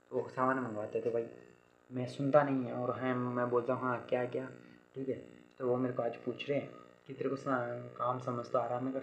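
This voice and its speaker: A young male vlogger tells a story in a casual, chatty vlog, speaking at medium pitch on a rough recording with a slight hiss or hum. He keeps saying "bhai" and "theek hai" to listeners and acts out what others said in quoted dialogue.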